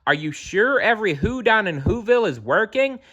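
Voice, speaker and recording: A man's voice: high-pitched, very animated, fairly quick, pushed and bright, dull audio, pitched above the performer's own voice, heavily acted. A man voicing a big, kind-hearted elephant in an earnest, encouraging storybook voice. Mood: anxious.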